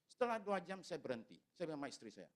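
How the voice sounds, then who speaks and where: A man's voice: a little high, sing-song, quick pace. A man preaching, telling a story to his congregation and addressing them directly. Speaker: pastor. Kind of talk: storytelling sermon.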